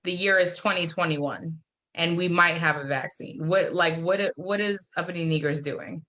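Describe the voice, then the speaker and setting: Low, bright-voiced woman hosting a podcast. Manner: quick affirming interjections, playful teasing. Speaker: podcast host. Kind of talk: casual interview chat.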